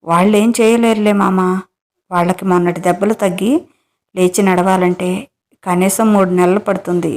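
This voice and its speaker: A woman's voice: on the low side, steady tone, moderate pace, darkish tone, lightly acted. A woman voicing a cocky young man. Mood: dismissive. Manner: breezy, dismissive. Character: young adult man, cocky, teasing, confident.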